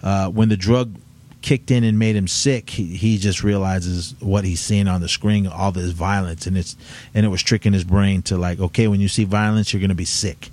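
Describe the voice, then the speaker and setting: Lowish guy, casual podcast chat, rambles and stumbles along with lots of ums. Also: fairly even intonation, a little mellow. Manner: rambling, halting, lots of fillers.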